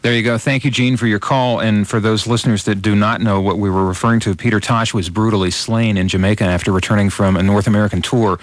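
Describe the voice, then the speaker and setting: Radio host guy, low voice, talks fast, dry close mic. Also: fairly even intonation, no echo. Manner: brisk, matter-of-fact. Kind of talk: call-in radio hosting.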